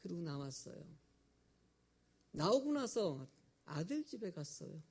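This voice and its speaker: A man's voice: on the high side, unhurried, breathy edge. A male pastor preaching a sermon and telling stories, often asking the congregation questions. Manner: animated storytelling, asks the congregation questions.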